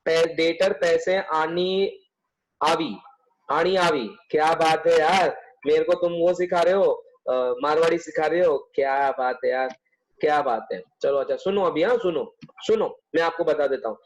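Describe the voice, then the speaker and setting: High-voiced chatty man tutoring online. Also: moderate pace, poor audio. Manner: chatty, teasing, coaxing students. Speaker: commerce tutor. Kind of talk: live online class.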